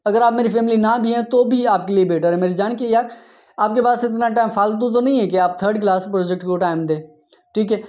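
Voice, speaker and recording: A man hosting a crypto app channel, narrating over a screen share in an exasperated, scolding tone, often tagging his sentences with a quick "okay". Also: high voice, a little mellow, lo-fi sound. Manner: exasperated, scolding, tags lines with 'theek hai'. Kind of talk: screen-share commentary rant.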